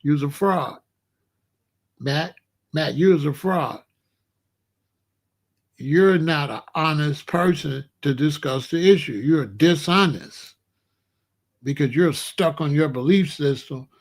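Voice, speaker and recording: Speaking slowly with frequent pauses, a man with a fairly high-pitched voice rants at his live-stream chat without a script. As the commentary stream's host, he's blunt and repetitive, confronting one of the chatters directly.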